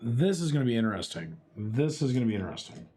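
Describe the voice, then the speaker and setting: A man's voice: mid-range voice, very animated, fast talker, mellow. A young man streaming for charity, chatting with his chat while he works through a chopsticks challenge, narrating each step with playful exclamations. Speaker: charity livestreamer. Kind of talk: casual livestream chatter to chat.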